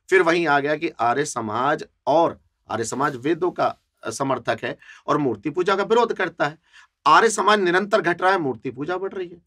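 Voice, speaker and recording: A man's voice: on the high side, fairly bright tone. Earnest middle-aged man reasoning. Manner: earnest, reasoning, quotes Sanskrit verses. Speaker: panelist at a saints' conference. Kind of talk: religious discussion.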